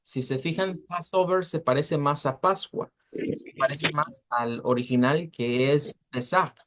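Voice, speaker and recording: In an online class, a man teaches English pronunciation in Spanish, explaining patiently, repeating words slowly, and using lots of fillers. His voice is fairly high-pitched and a little bright.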